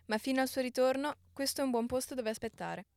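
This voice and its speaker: Penelope, a woman voicing a gentle ancient queen. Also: high voice, quick pace, no echo, clean studio sound. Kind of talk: audiobook character reading.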